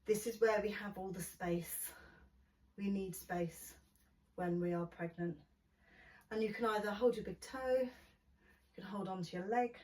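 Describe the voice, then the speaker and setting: Yoga teacher lady, slow gentle instructions, kinda distant from the mic. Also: medium pitch. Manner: slow, soothing instruction, softening to near whisper. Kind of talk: guided prenatal yoga class.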